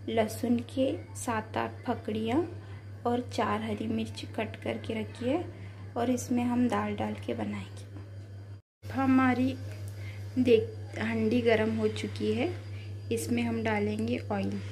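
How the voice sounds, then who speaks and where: A middle-aged woman with a fairly high voice talks through a recipe step by step. Her delivery is steady and plain, and she often repeats a step as she goes. The phone recording picks up a lot of kitchen noise and sizzling from the stove. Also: slow. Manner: steady instructional, repeats steps. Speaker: home cook vlogger. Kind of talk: step-by-step cooking narration. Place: home kitchen at a gas stove. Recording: noisy home kitchen recording.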